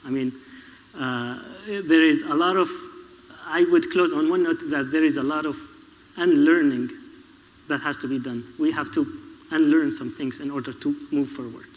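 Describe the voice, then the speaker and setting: A man from Syria speaking on a public panel, halting, with many fillers and restarts. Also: on the high side. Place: public event hall. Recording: reverberant hall.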